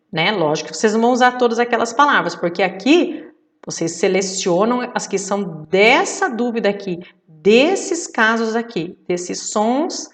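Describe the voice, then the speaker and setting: Professora falando devagar, de longe do microfone. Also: female voice, mid-range voice, recorded from a distance. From Brazil. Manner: patient, explanatory, often checks with 'certo?'. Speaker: teacher. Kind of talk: remote video lesson for children.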